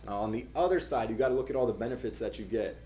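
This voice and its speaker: A man's voice: mid-range voice, rapid-fire, dark tone, faint music behind. A young adult man, a dentist, explaining things casually to camera in a conversational way, often repeating words as he goes.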